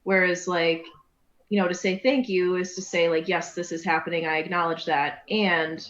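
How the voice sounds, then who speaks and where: A talkative woman co-hosting a casual podcast, explaining things in long runs full of "like". Her voice sits a little low. The recording is roomy and a bit muffled, with a faint hiss behind her. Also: flat delivery, normal speed, fairly bright tone. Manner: talkative, explains with many fillers. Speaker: podcast co-host, therapist. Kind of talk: casual chat. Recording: roomy, dull, slight hiss.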